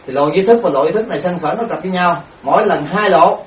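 A fairly high-voiced man giving a Buddhist dharma lecture, halting and repeating words as he sounds out syllables. He is heard from a distance in an echoey room, on a dull recording. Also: a little hiss or hum. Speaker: Buddhist monk teacher.

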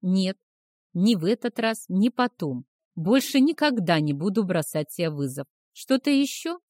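Woman reading a fierce young werewolf heroine, sharp and biting. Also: medium pitch, very animated, normal speed, no echo, studio quality. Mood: cold. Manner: fierce, biting, growled retorts.

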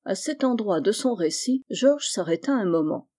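An audiobook reader narrating a novel in a measured, expressive way. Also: medium pitch.

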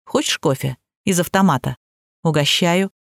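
A woman's voice: fairly low pitch, moderate pace, vocal fry, no echo, studio quality. A woman voicing a literal-minded, self-important man who mumbles his lines without irony. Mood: deadpan. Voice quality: mumbling, deadpan.

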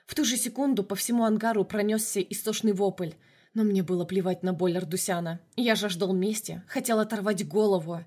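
A woman narrating a novel in an even, measured storytelling voice. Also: medium pitch. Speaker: audiobook narrator. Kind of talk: audiobook narration.

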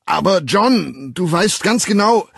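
A man reading an audiobook voices an anxious, high-strung young man who pleads loudly and shrilly. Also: lively intonation, takes it slowly, creaky, slightly rough, dry recording, studio quality, full character voice. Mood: desperate pleading.

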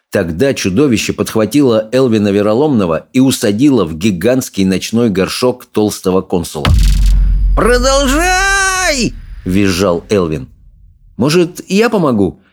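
A man narrating an audiobook in an expressive storytelling manner. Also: on the low side. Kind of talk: scripted narration.

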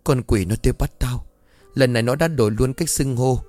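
A man's voice: mid-range voice, a little fast, a little mellow, dry recording, faint music behind, lightly acted. A man reading the lines of a frightened young woman haunted by a demon, in a fearful, pleading voice.

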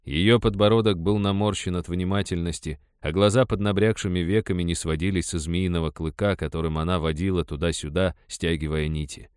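A man calmly narrating an audiobook in a measured way. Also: deep voice, clear, resonant tone, no room sound, studio quality. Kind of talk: scripted storybook narration.

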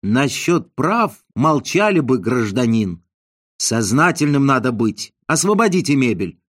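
A man's voice: medium pitch, sing-song, a little slow, no echo. A man voicing a brash young male con man who talks in a curt, officious, commanding way, in a dry close recording. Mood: stern, officious.

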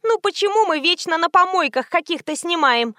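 A woman's voice: extremely high pitch, animated, moderate pace, sharp tone, dry recording, studio quality, voice pushed up, heavily acted. A woman voicing a capricious young actress who whines and demands attention, in an audiobook reading. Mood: whiny. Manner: whining, demanding.

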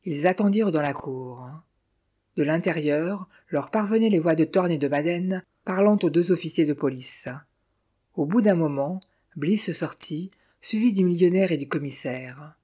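A narrator reading a detective novel aloud in an even, measured way. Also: medium pitch, breathy edge. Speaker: audiobook narrator.

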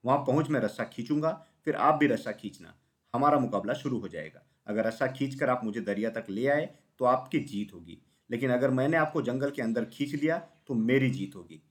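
A man's voice: mid-range voice, expressive, fairly quick, lightly acted. A man voicing a small, clever male rabbit in a children's story, speaking politely and respectfully.

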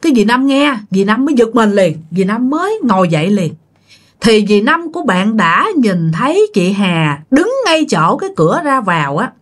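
A woman's voice: medium pitch, big pitch swings, moderate pace. Chatty woman telling ghost tales. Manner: chatty, addresses listeners directly. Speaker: storyteller. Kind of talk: ghost story narration.

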